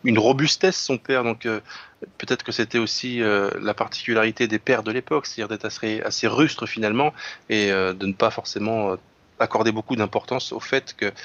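A man chats about a novel on a radio show, searching for words and restarting his sentences often. His voice sits a little low. The sound comes over a dull, lo-fi remote line. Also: fairly bright tone. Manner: hesitant, many restarts and fillers. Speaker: radio show guest discussing literature. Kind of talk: casual conversation about a novel.

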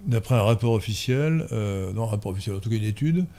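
A man's voice: on the low side, expressive, quick pace, dark tone. Emphatic, digressive male talk host. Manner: emphatic, digressive, pedantic about pronunciation. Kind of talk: interview conversation.

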